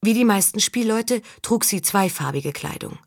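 A woman reading a historical novel aloud in calm, even storytelling. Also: mid-range voice, normal speed, gravelly, breathy edge, dry recording, studio quality. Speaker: audiobook reader. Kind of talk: scripted narration.

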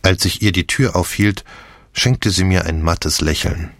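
Deep-voiced calm male narrator. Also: unhurried, no echo. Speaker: audiobook narrator. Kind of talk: scripted narration.

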